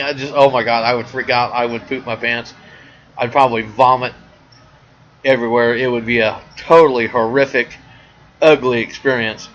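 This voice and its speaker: A man hosting his own show, telling stories in a rambling, animated casual monologue. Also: medium pitch. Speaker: podcast host. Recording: dull lo-fi sound.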